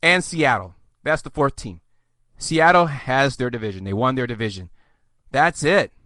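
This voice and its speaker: A man's voice: medium pitch, expressive, moderate pace, pushed and bright, no room sound. A man hosting a podcast, ranting sarcastically with theatrical mock outbursts. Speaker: podcast host. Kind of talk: sarcastic solo podcast rant.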